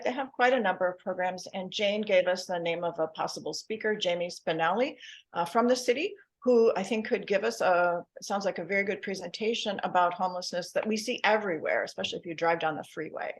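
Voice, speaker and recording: A woman reporting her group's topics at a member meeting, hesitant with many fillers. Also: mid-range voice.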